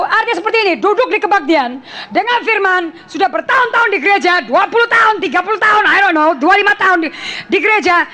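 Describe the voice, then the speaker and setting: A woman preaching a forceful sermon, slipping English phrases in and calling out to the congregation. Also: extremely high pitch.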